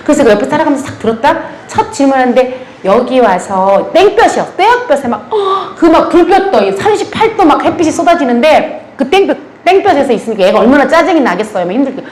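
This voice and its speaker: Lively lady telling church stories, bouncy high voice, roomy hall w/ faint hum. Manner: animated storytelling with frequent laughter. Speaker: church ministry lecturer. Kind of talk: lively anecdotal talk to a church audience.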